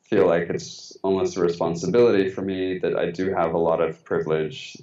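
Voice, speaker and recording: Low, steady and warm, the man's voice moves a little quickly as he talks on a call-in interview. He is a guest writer from Mexico with an American accent, pondering his words with many fillers, heard through a tinny phone connection with echo.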